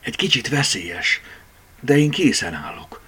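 A man's voice: lowish voice, sing-song, a bit bright, slightly rough, voice pushed up, exaggerated voice. A man voicing a curious, determined red tomcat in an audiobook, eager in manner.

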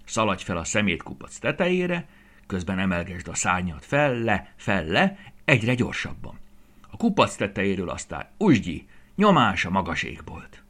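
A man's voice: low voice, big pitch swings, a bit bright, exaggerated voice. A man voicing a kind little fairy girl who coaxes and encourages in a lilting, raised voice. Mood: coaxing. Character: tiny kind fairy girl, gentle and eager.

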